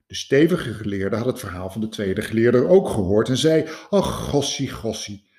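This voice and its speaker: A man narrating a fairy tale in an expressive storytelling manner. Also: fairly low pitch, moderate pace. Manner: expressive, lively.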